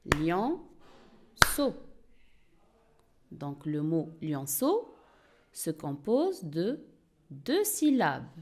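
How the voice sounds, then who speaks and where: A woman teacher giving an early-reading lesson, speaking slowly and clearly and repeating each word for learners to echo. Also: sits low, huge pitch swings, dark tone, a little hiss or hum. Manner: slow, clear, repeats words for pupils to echo.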